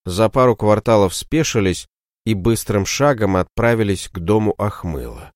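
A man narrating an audiobook in a steady storytelling manner, recorded on a close mic. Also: lowish voice, normal speed, no room sound.

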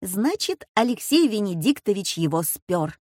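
A woman voicing a lively, teasing schoolgirl granddaughter in a storybook reading. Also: medium pitch, dry recording, studio quality. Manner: quick, teasing and bright.

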